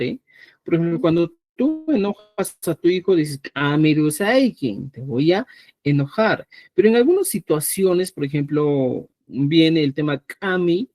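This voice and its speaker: A man from Peru teaching a live online language class, patiently repeating words slowly so students can hear the pronunciation. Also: fairly high pitch, dark tone, dry recording. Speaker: Quechua teacher.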